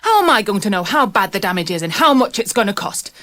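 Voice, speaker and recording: A woman's voice: medium pitch, big pitch swings, fast talker, a bit bright. A woman reading the part of a flustered female driver after a crash, defensive and insistent. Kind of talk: scripted exam dialogue.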